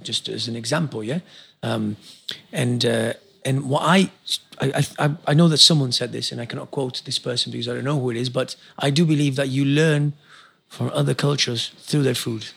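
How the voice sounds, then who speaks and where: Gravelly-voiced Argentine man urging people on. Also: mid-range voice, fairly bright tone. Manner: passionate, exhortative, many repeated words. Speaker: guest. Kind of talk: casual interview chat.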